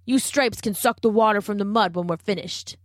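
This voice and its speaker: A proud male cheetah sneers and spits his boasts, as a woman puts him on. The voice sits in a middling pitch and sounds dry and close. It is the swagger of a storybook cat sure of his own superiority. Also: fairly quick, no room sound, lightly acted. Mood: scornful. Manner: spitting, scornful.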